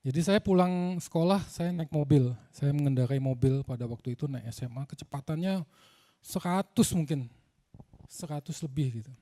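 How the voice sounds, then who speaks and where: A man's voice: on the high side, moderate pace, dark tone. A man from Indonesia, preaching a conversational storytelling sermon to a congregation, peppering his talk with casual fillers. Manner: conversational, addresses the congregation, frequent filler "gitu".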